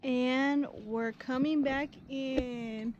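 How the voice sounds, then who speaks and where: A woman's voice: sits high, fairly even intonation, very slow, highs cut off, music in the background. A young woman vlogging outdoors from a kayak on a lake, chatty and joking with frequent giggles, filmed on an action camera at arm's length. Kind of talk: casual vlog chat.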